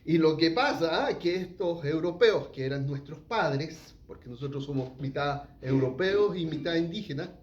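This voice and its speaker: A man's voice: on the high side, expressive, normal speed, hardly any pauses, lo-fi sound. A middle-aged man, teaching a sermon and asking the congregation questions. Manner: asks the congregation questions, frequent "¿ya?". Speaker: pastor.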